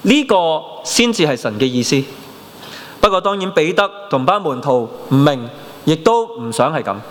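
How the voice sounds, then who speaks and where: A man in his thirties with a Hong Kong Cantonese accent, preaching a sermon and telling his own story in an animated way, dropping in English words. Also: a little high, moderate pace. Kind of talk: sermon with personal testimony. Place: church hall. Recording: long reverb of a church hall.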